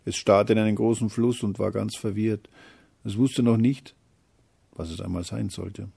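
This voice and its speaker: A man narrating a storybook tale, his loudness rising and falling for drama. His voice is low, gravelly and husky. The tone comes across dark and mellow. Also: fairly even intonation, normal speed.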